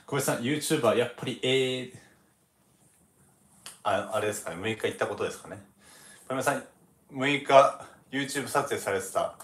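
A man who is a former baseball pitcher hosts a relaxed livestream, chatting casually, reading viewer comments and laughing often. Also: moderate pace, pauses often, reverberant.

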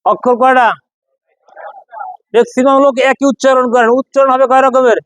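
A man teaching Quran pronunciation to a class, slowly drilling letter sounds and firing rhetorical questions at his students. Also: very high-pitched, level tone, fairly bright tone, clean tone, no room sound, poor audio.

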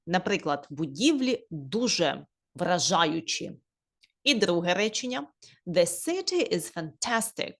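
Ukrainian woman teaching English, lively pitch. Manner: reads English phrases slowly, then explains in Ukrainian. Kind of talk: lesson reading and translating examples.

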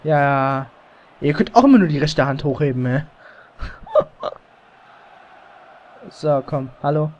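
Playing a football video game, this man narrates live in a loose, excitable way, swearing and groaning at every blunder. His voice sits on the high side, and the slightly overdriven headset or desk mic gives the audio a lo-fi quality.

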